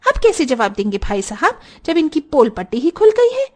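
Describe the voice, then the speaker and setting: Cartoon young woman tenant, cheeky, mocking, lively highish voice, voiced by a woman. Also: normal speed. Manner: sassy, mocking.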